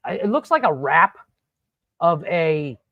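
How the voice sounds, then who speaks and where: A man hosting a casual podcast, telling rambling, profane stories in an animated way. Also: on the high side, slow, no room sound, phone-quality sound. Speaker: podcast host. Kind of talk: casual storytelling chat. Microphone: podcast studio mic.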